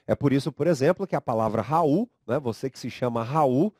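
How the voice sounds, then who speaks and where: A man with a Brazilian Portuguese accent teaching a recorded grammar lecture, speaking slowly and emphatically, drawing out syllables and coaxing students to read aloud. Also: medium pitch, expressive, a little mellow, no room sound, clean studio sound. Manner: slow, emphatic, drawn-out syllables.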